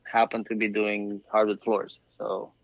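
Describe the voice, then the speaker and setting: Telling his story as a podcast guest, this flooring craftsman from Romania, about forty, speaks conversationally in a rather low voice that is completely flat, a little slow, and touched with vocal fry. The dry remote call has no echo and sounds slightly dull.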